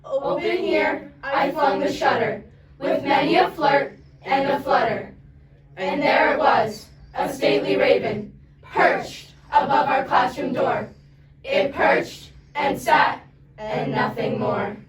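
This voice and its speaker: A chorus of young women reciting dramatic poetry in unison, loudly and emphatically. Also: female voice, high-pitched, slow pace. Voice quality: loud, emphatic projection. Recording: echoey, distant mic, loud crowd of voices.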